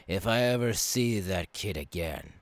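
ASMR role-play: cruel, theatrical pirate clown captain. Lowish, gravelly, menacing drawl, recorded close and dry. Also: male voice, expressive, unhurried, no echo. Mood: musing. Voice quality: raspy, gravelly. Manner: theatrical, drawling, swinging between hushed threats and barks.

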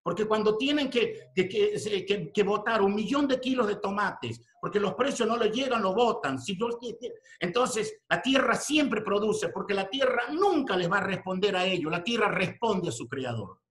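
A man in his sixties preaching a sermon to ministers, firing rhetorical questions and swinging between quiet talk and shouting. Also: sits high, animated, normal speed.

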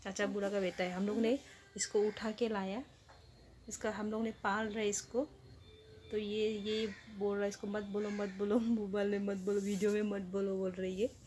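A woman's voice: mid-range voice, level tone, moderate pace, a little mellow, a little hiss or hum. A woman talking casually at home in a vlog, playful and teasing with her child. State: sweaty after play-fighting. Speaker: vlogger and mother. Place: home room with a fan and TV.

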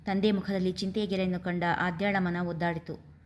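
A woman's voice: fairly low pitch, little pitch movement, moderate pace, slight background noise. Woman reading a family story aloud. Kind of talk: scripted story narration.

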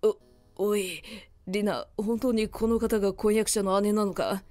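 A woman voicing a flustered middle-aged father in a storybook drama, gruff and loud. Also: medium pitch, fairly even intonation, a little slow, soft background music, natural voice.

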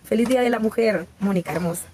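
A woman's voice: medium pitch, quick pace, background noise. Chatty Salvadoran woman in her forties. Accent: Salvadoran Spanish. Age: 40s. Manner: talkative, candid, chatty with viewers, frequent restarts and laughter. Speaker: TikTok live streamer. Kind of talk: casual live-stream chat.

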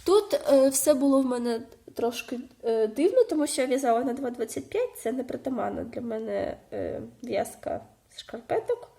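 A woman with a slight cold and hoarse voice, chatting casually in a knitting vlog and showing her work, with small fillers and restarts. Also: a little high, very animated, normal speed, dark tone. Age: young adult to middle-aged, a mother. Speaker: knitting vlogger.

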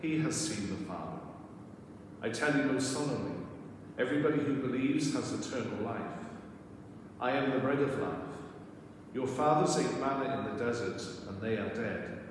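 Older priest in cathedral-like echo. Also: male voice, mid-range voice, normal speed, distant mic. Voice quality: echoing, cathedral-like reverberant sound. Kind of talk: scripture reading and homily. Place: church sanctuary at a lectern. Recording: echoey church hall, long reverb, noisy.

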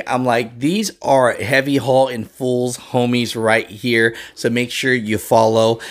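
A man in his forties hosting a trucking news channel, chatting straight to camera in an animated, casual way. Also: mid-range voice. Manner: chatty, animated, addresses viewers directly.

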